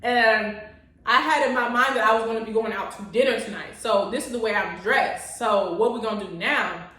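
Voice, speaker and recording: A young woman vlogger telling a story to camera in a casual, animated, sassy way. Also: a little high, brisk, far from the mic. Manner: animated, expressive, sassy asides. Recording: echoey room, voice away from mic.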